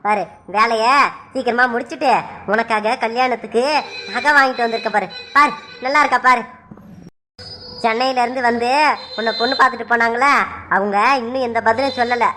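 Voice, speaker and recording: A woman voicing a loving widowed father in a village cartoon, who coaxes gently and repeats himself. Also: fairly high pitch, fairly even intonation, brisk, pauses often, slight background noise. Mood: fond. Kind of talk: cartoon voice acting.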